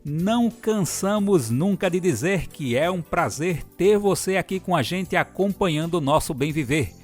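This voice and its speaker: A man's voice: high voice, lively intonation, moderate pace. Male radio presenter, upbeat, friendly, talks to listener directly, faint music bed. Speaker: radio program host.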